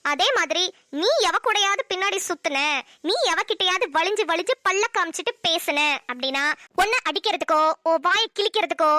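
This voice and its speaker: A woman's voice: very high-pitched, a little fast, sharp tone, no room sound, clean studio sound. A woman voicing a hot-tempered young wife in a cartoon, a medical student who scolds and threatens sharply. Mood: angry. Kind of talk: cartoon voice acting.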